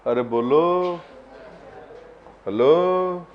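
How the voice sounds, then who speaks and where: A man's voice: mid-range voice, expressive, very slow, muffled recording, slight background noise. A man teaching a live online class, quizzing his students with repeated questions and addressing them fondly. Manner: coaxing, affectionate address to students.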